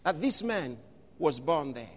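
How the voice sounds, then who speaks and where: A man preaching a fervent sermon, reading scripture aloud, calling out to the congregation and shouting refrains, at times slipping into speaking in tongues. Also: a little high, very animated, measured pace. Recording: long hall reverb.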